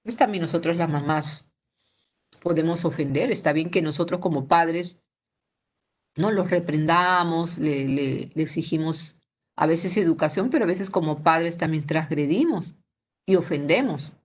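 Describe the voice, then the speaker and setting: A woman's voice: low-pitched, measured pace. A middle-aged woman teaching a Bible lesson to teenagers over a video call, chatty and ending many sentences with a questioning "¿no?". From Peru. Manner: conversational, tags most sentences with a questioning "¿no?".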